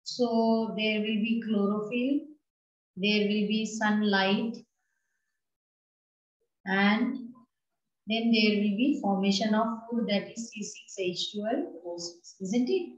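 A woman's voice: mid-range voice, slow pace. A middle-aged woman with an Indian accent teaching an online biology class, questioning and prompting students and slipping between English and Hindi. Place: indoor room with bookshelves. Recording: echoey, dull video-call audio.

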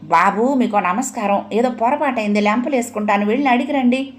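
A woman's voice: a little high, fairly quick, lightly acted. Brief: woman doing an anxious, pleading middle-aged mother for an audio story. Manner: coaxing, pleading.

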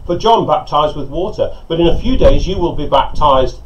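A middle-aged pastor preaches a sermon in a lively, sing-song voice that rises fairly high for a man. He tells his story with animation, recorded on a lapel mic outdoors, with a slightly dull tone and faint open-air ambience behind him. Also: normal speed, slight background noise. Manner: storytelling, animated, gesturing with hands. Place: covered porch outdoors by a lake.

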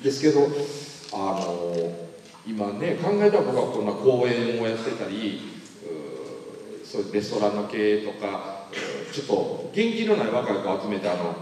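Animated Kansai man lecturing in a hall. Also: on the low side, normal speed, slight background noise. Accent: Kansai Japanese. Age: 50s. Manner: animated storytelling, acting out quoted voices. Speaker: motivational speaker. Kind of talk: live lecture to an audience. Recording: echoey hall, mic at a distance.

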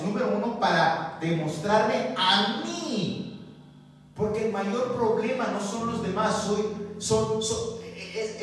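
A high-voiced male pastor preaches slowly and tells his story with animation. He is recorded from far off in a long, echoey church hall. Instrumental music plays clearly behind him. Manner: animated storytelling, mixing in English words. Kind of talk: sermon.

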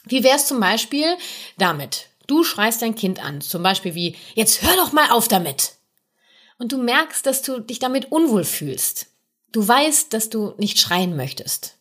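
A woman hosting a podcast, gently explaining nonviolent communication to parents and addressing the listener directly with little tag questions. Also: fairly high pitch, big pitch swings, measured pace. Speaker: podcast host and communication coach. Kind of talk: podcast monologue giving parenting advice.

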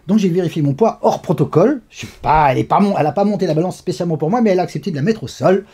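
A man from France, a guest in a conversational interview, telling animated stories with lively asides. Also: high voice, very fast, slightly rough.

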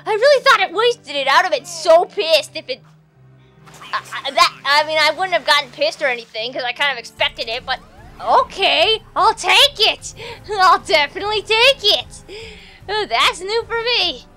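With a very high, pushed and bright voice, a let's play host talks animatedly at a moderate pace, faint music behind her. She rambles and giggles to herself as casual commentary on her game, sounding a little stuffy from allergies.

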